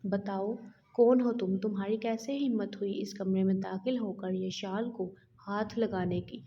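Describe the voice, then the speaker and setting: A woman's voice: mid-range voice, lo-fi sound, slight background noise, natural voice. A woman reading the part of an angry, protective young man in an audio novel, in her own voice. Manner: demanding, stern.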